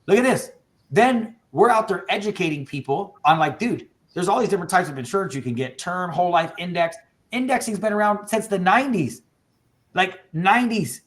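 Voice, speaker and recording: Over a video call, an insurance agency owner fires up his agents with a casual, high-energy training session, saying "dude" and "bro" throughout. He has a high voice and talks briskly.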